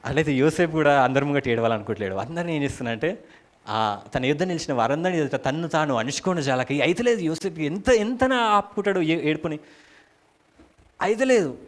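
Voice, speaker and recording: A man's voice: a little high, expressive, a little fast. A man preaching, retelling a scripture story in a dramatic, colloquial way and calling out hallelujah. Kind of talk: storytelling sermon.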